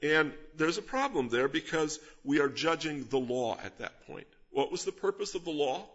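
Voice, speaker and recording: A man's voice: on the high side, animated, normal speed, fairly bright tone, dull audio. A man preaching an expository sermon, explaining a passage verse by verse in an earnest, emphatic way with rhetorical questions. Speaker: pastor.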